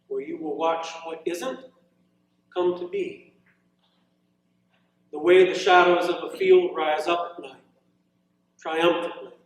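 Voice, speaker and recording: At an indoor college reading event, a male poet reads his own work to a live audience, delivering the verse in a measured way with informal, hesitant asides between. His voice is fairly high for a man, and it comes through a very echoey room from a distant mic with a little hiss or hum.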